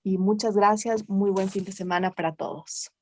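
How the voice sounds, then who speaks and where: Woman, event host, formal announcements, polite, fluent, mid pitch. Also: flat delivery, normal speed.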